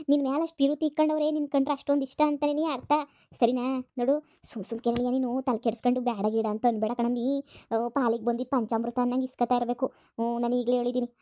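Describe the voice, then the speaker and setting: A woman's voice: fairly high pitch, mellow, natural voice. A woman voicing a scheming, greedy mother in a cartoon comedy, nagging and wheedling. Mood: coaxing. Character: scheming greedy rural mother, middle-aged.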